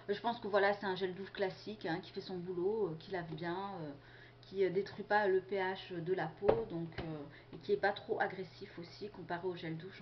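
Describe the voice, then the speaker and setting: A woman's voice: mid-range voice, slight background noise. Chatty young woman, dull lo-fi sound. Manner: chatty, hesitant, many fillers. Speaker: beauty vlogger. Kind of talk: casual product haul video.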